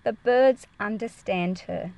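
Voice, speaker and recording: A woman with a medium-pitched voice and some vocal fry reads a picture book slowly to a group of children. As a read-aloud presenter, she explains it expressively and quizzes her young listeners with questions. A faint hiss or hum sits in the audio.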